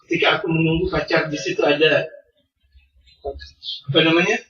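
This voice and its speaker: Animated preacher in an echoey hall. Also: male voice, fairly high pitch, moderate pace. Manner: animated, teasing, swings between loud and soft. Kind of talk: sermon. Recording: echoey hall, distant mic, dull sound.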